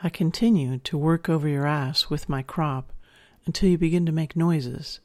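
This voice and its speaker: A narrator speaking as a dominant partner, telling an erotic story to the listener in an intimate, measured way. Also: medium pitch. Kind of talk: intimate second-person erotic audio narration.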